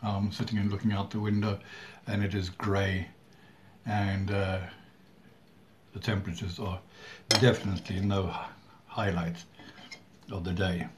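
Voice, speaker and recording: A middle-aged man from Sweden, talking casually to camera in a halting way with long pauses and throat clearing. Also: sits low, little pitch movement. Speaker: vlogger. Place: small room at home indoors. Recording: clearly audible background noise.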